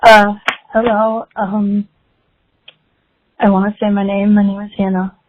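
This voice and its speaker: A woman's voice: mid-range voice, little pitch movement, unhurried, a little hiss or hum. A woman close to tears, speaking shakily and hesitantly in a voicemail. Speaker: caller leaving a voicemail. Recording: dull lo-fi voicemail.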